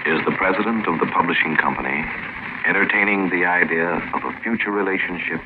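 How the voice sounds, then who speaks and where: A man's voice: sits low, a little fast. Man announcing an old radio show. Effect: old radio broadcast sound. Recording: tinny, hissy old radio recording.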